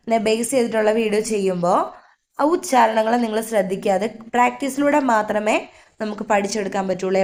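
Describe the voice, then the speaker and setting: A woman with a Malayali accent teaching Hindi reading, sounding out each syllable slowly and repeating it. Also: a little high. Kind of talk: slow spoken reading lesson.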